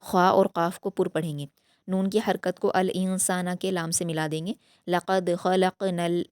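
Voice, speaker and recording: Calm low-voiced woman teaching recitation. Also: dry recording, studio quality. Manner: patient, explains rules then recites slowly. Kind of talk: slow step-by-step recitation lesson.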